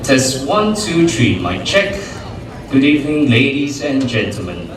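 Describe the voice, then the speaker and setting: Slow-speaking man through rally loudspeakers. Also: mid-range voice, sing-song. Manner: slow, formal announcing. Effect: heard through loudspeakers. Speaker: rally emcee. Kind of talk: microphone sound check and rehearsed welcome. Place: outdoor political rally ground. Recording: echoey loudspeaker sound from far off, loud crowd.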